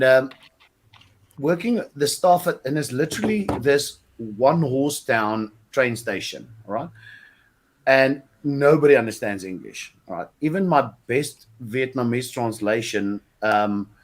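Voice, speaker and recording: A man with a South African accent chatting casually and telling stories among friends on a talk show. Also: mid-range voice. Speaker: panelist on a chat show. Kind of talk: casual chat and storytelling.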